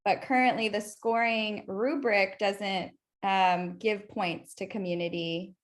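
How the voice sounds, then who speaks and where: A woman moderating a panel who sums up the speakers' points clearly for the audience. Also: mid-range voice, fairly even intonation, slow. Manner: clarifying, recaps points for the audience.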